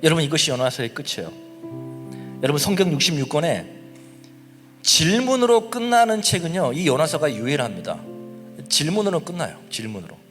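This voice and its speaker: A man preaches in a church, his slightly high voice leaping between loud emphatic peaks and hushed asides. His delivery is lively and very animated. The sound rings with long church reverb, and a soft guitar plays underneath. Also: brisk, pauses often. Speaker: pastor. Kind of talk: sermon. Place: church sanctuary.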